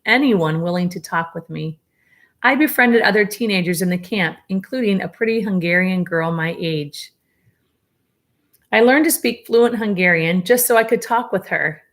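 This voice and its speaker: Her mid-range voice steady, a teacher reads aloud from a memoir to her pupils, correcting small mistakes along the way. Occasionally she turns to the class with a casual aside.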